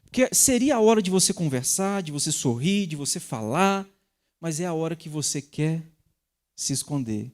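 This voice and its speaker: Male pastor, sermon, very lively pitch swings, emphatic peaks. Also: normal speed. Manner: animated preaching with sharp emphatic rises. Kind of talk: sermon teaching.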